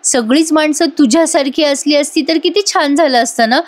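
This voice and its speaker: A warm-hearted mother-in-law , as a woman reads her lines who speaks with affection and praise. The voice stays high and close to the reader's own. It is a simple recap reading. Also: moderate pace, lightly acted. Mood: affectionate. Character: older mother-in-law, kind and approving.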